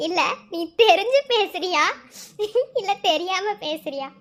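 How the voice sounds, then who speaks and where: A woman performs a whole household of cartoon women in a very high, piping voice. The talk is speech, full of teasing and scolding banter. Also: measured pace, a little hiss or hum. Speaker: cartoon channel creator voicing all characters. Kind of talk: acted cartoon dialogue.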